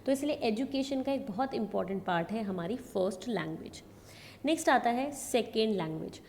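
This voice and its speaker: An education lecturer with a North Indian accent explains her subject in a fairly high, lively voice with a darkish tone, speaking fairly quickly. She mixes in English terms and restates key points in new words. The recording carries echoey hall reverb and background noise.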